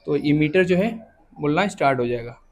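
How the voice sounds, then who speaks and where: Guy with a high voice walking you through a repair step by step, keeps checking in. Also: expressive, a little fast, darkish tone, slight background noise. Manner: explains step by step, often checks in with "thik hai". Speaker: repair instructor. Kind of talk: hands-on repair tutorial.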